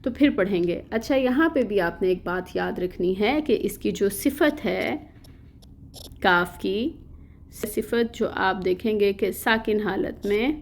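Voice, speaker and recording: A woman with a Pakistani Urdu accent teaching Quranic letter pronunciation in an online lesson, explaining patiently and repeating sounds slowly. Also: mid-range voice, slight background noise.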